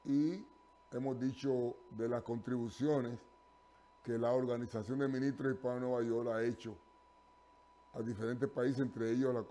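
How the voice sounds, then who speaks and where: An older man from Rico, hosting a live TV call-in show in a studio. He talks haltingly, with many fillers and restarts, and grows emphatic. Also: mid-range voice, steady tone, warm tone, a little hiss or hum. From Puerto Rico. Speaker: TV call-in show host and pastor.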